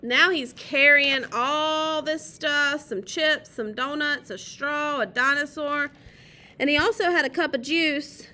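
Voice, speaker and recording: A woman reading a picture book aloud to children in a gentle, expressive way. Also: sits high, slow pace. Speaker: storytime reader.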